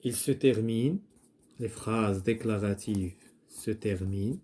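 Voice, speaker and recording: A man teaching a primary-school French grammar lesson, explaining slowly and repeating himself while he writes out the examples. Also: fairly low pitch, warm tone. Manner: slow, repetitive explaining with restarts and fillers.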